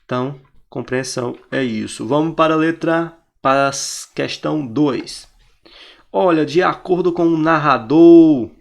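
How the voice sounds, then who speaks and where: A man's voice: a little high, a little slow, creaky. A man teaching in Portuguese with a Brazilian accent, walking students through exam answers and often pointing things out to the class.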